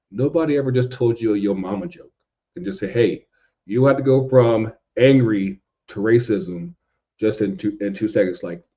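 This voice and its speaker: This mellow voice sits on the low side and belongs to an American man guesting on a podcast. He talks loosely and with plenty of slang, circling back to the same phrases to stress his points, all captured on a muffled lo-fi recording.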